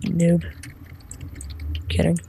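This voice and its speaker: A woman's voice: drawn-out words, dark tone, a little hiss or hum. Woman joking around while gaming, casual teasing banter, chill chat. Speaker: fellow player.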